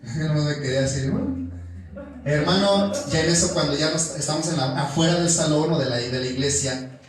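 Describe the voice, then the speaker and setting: A young man with a Mexican accent preaches in a storytelling way, calling out to his listeners as brothers as he goes. His voice sits a little high for a man. It rings out in a very echoey church room, picked up from some way off the mic. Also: normal speed, far from the mic, a crowd in the background. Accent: Mexican Spanish. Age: young adult. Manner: storytelling, calls the congregation "hermano" constantly. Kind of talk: sermon. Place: church hall.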